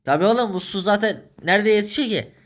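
A man's voice: high voice, expressive, fast talker, fairly bright tone, voice pushed up. A man voicing a sarcastic, scolding male shopkeeper in a game role-play, with a Turkish accent, mocking and raised in tone.

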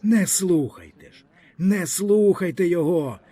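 A man's voice: high-pitched, sing-song, measured pace, warm tone, husky, voice pushed up, heavily acted. A man playing an anguished peasant leader. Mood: pleading. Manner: pleading, anguished. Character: desperate peasant leader pleading with soldiers.

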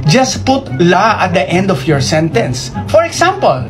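A man's voice: sits high, huge pitch swings, unhurried. A man in his thirties doing a comic demonstration of Singlish, tagging sentences with local particles like la, ah and leh. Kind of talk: comedic Singlish demonstration skit. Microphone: phone at arm's length. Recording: background music behind the voice.

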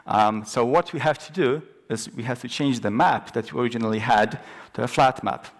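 A man's voice: mid-range voice, fairly quick. Young man giving a conference tech talk. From Poland. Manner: explanatory, with frequent ums and restarts. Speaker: conference speaker. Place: large dark conference stage.

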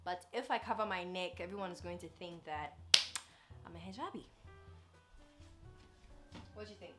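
A Ghanaian woman in her twenties vlogs from her bedroom indoors, chatting casually and playfully to camera and speaking straight to her viewers. Her voice is lowish and her pace moderate, with loud music playing behind her.

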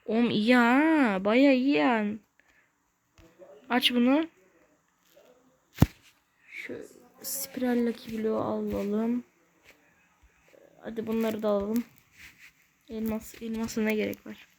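A woman hosting a gaming channel, giving casual let's-play commentary in short, excitable bursts with slangy exclamations and mild curses. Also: on the high side, slow, pauses often. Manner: talks to self while playing, short bursts.

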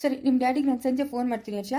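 A woman's voice: high voice, fairly even intonation, rapid-fire, mellow, natural voice. A woman voicing a kindly, fussy middle-aged uncle and father in a cartoon. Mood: bossy. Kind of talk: cartoon voice acting.

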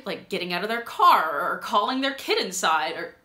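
A young woman acting a stage monologue as a rambling, self-conscious, lonely woman, halting and repeating her words in an emotional way. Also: medium pitch, very animated, sharp tone. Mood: nervous, rambling. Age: young adult. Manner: halting, rambling, repeating words, swinging between nervous laughter and tearfulness. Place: small room indoors with bare wall. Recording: roomy echo.

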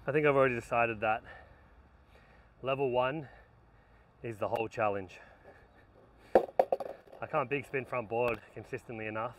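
Long pauses break up the unhurried, mid-range self-talk of a man in his thirties filming his skateboarding outdoors in strong sun. Worn out, he coaches himself between tries, heard through a camera mic placed some distance away.

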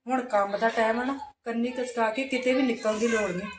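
A woman with a Punjabi accent playing a resentful, sharp-tongued unmarried young woman who answers back with bitter sarcasm, in a village drama. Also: a little high, steady tone, brisk, close to an everyday voice. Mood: retorting. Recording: roomy with background noise.

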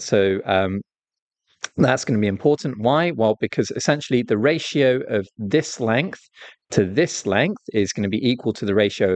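A male math tutor with a lowish voice works through an exam paper step by step. He explains patiently, often checking in with "right?" as he goes. The sound is close and dry, with no room around it. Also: dry recording. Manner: stresses key points with "right?". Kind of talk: exam walkthrough lesson.

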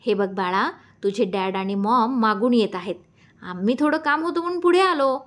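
Woman voicing a pushy male lawyer, falsely polite, insistent, fairly high pitch. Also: expressive, moderate pace, a bit bright. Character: pushy, smooth-talking middle-aged male lawyer. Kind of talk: audiobook character voice.

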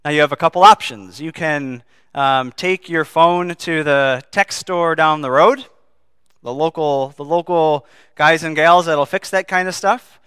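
A man preaching an earnest sermon to his congregation, his voice bright and forceful. The sound is crisp and resonant, recorded dry and close with no room echo. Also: on the high side, a little slow. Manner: earnest, asks the congregation questions. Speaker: pastor. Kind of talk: sermon with scripture reading.

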